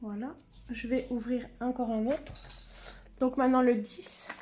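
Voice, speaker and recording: Craft host: woman, fairly high voice, slow and mellow, chatty and self-muttering. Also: fairly even intonation, a little hiss or hum. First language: French. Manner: chatty, muttering to herself while searching. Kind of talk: casual craft demonstration.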